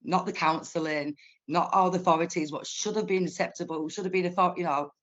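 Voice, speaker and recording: A woman's voice: fairly low pitch, steady tone, brisk. A woman of forty sharing a heartfelt personal story on a video call, passionate and searching for her words. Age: 40s. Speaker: lived experience speaker. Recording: muffled video call audio.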